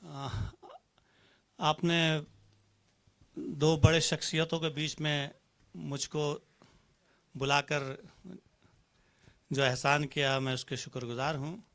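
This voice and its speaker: A man with a high-pitched voice speaks as a panel guest on a news discussion. He argues in a formal, rhetorical way, acting out examples by shifting his tone, and mixes Urdu-flavoured Hindi with English phrases. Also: little pitch movement, slow pace, long pauses, fairly bright tone.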